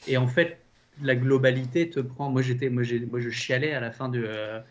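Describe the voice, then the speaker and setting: A man talking casually about films as a critic, halting and emphatic, repeating words as he goes. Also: mid-range voice, fairly even intonation, lo-fi sound. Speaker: film critic. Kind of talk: casual film discussion.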